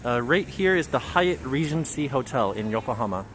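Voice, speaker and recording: A man's voice: mid-range voice, expressive, normal speed, a bit bright. A man hosting a casual livestream walking tour through city streets, chatting and reading out viewer comments. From Japan. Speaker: livestream host. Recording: outdoor street recording with traffic noise. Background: traffic and street noise.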